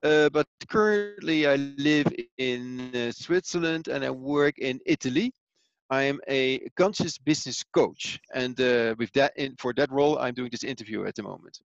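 Gravelly Dutch-accented man, halting. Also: mid-range voice, no echo, lo-fi sound. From Netherlands. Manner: hesitant, many fillers and restarts. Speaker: business coach guest. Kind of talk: explanatory interview answers.

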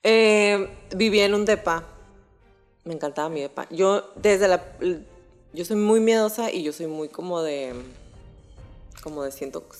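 A woman's voice: fairly low pitch, unhurried, soft background music. Slangy Mexican woman telling a story. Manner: slangy, animated, swears freely. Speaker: podcast host. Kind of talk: casual storytelling.

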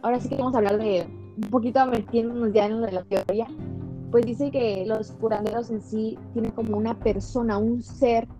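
A young woman, a podcast guest telling a personal story in an animated way, full of "o sea" and "¿no?". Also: a little high, a little fast, over music, rough recording. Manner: animated, fills talk with "o sea" and "¿no?". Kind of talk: casual storytelling.

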